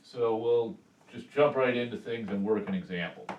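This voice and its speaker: A man's voice: on the low side, normal speed, dull audio. A man teaching a math lesson at a chalkboard, explaining step by step in a casual way, with chalk scratching and clicking behind him. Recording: echoey room, distant mic, background noise.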